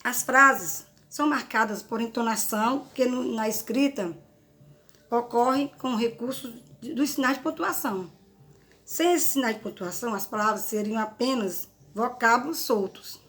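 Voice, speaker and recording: A woman teacher delivers a grammar lesson in a fairly high voice. She explains each point through examples and keeps checking in with her students with quick tag questions. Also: fairly bright tone. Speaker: Portuguese teacher.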